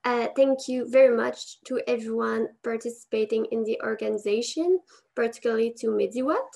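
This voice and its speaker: A woman's voice: on the high side, brisk, creaky, a little mellow. A woman giving a polite, formal welcome to an online session. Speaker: session host. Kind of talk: scripted welcome. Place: video call.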